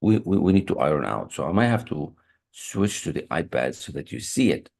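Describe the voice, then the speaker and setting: Very animated and fairly quick, a high performance coach with a rumbling low, slightly mellow voice and vocal fry delivers a motivational online lesson. He's in an online meeting room using a computer mic on a video call, earnestly repeating key phrases and restarting sentences.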